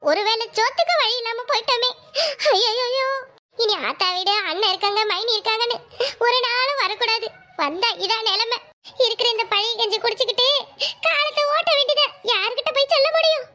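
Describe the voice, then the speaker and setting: A whiny, scheming young sister-in-law from a village cartoon comedy, voiced by a woman. Her voice is very high and bright, and she grumbles and wails over her troubles. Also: a little fast. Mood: wailing. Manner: wailing, complaining village comedy lament.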